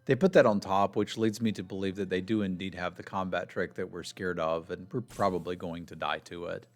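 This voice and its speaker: A man's voice: low voice, steady tone, a little fast. A man giving casual gameplay commentary as a streamer, thinking aloud about his moves with wry, self-deprecating humor. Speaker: card game player and streamer.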